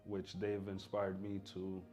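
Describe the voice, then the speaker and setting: A man's voice: low-pitched, monotone, a little slow, mellow, faint music behind. A man from South Sudan, a basketball coach, giving an earnest video testimonial.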